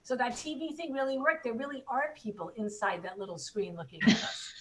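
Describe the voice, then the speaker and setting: A woman's voice: fairly high pitch, animated, a little fast, recorded from a distance, low-quality recording. An older woman chatting on a video call, amused and talkative. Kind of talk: casual chat.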